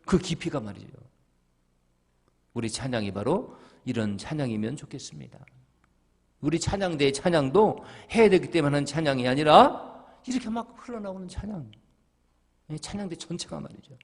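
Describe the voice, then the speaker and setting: A middle-aged man, a senior pastor, preaching an early-morning devotional sermon, asking rhetorical questions and answering them himself, his voice swinging between loud and hushed. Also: on the high side, lively intonation, moderate pace, pauses often. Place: church sanctuary. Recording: long church reverb.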